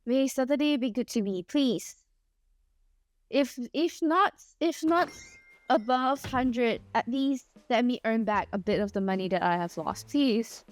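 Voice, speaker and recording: On a gaming livestream, a young woman from Singapore talks in an expressive, unhurried voice on the high side. Her English accent is mixed and partly Singaporean, and her casual rambling is full of laughter and playful pleading.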